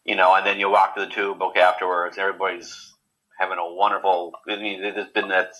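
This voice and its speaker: A man in a casual interview, talking haltingly with many repeated words and fillers. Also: low voice, level tone, bright, forceful tone, poor audio. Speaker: guest.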